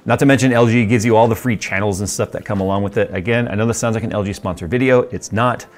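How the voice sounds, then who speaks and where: Chatty low-voiced man reviewing a monitor. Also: fairly even intonation, fast talker. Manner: chatty, rambling asides with frequent ums and laughs. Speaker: tech reviewer. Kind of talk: casual product review. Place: studio workshop and desk setup with purple and red lighting.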